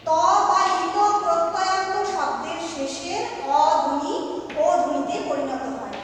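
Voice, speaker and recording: Woman teacher, high voice, patient and repetitive, rhetorical questions, recorded far off in a very echoey hall. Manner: patient, repeats rules slowly and asks rhetorical questions. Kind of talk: classroom grammar lesson. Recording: echoey hall, far from the mic, faint noise.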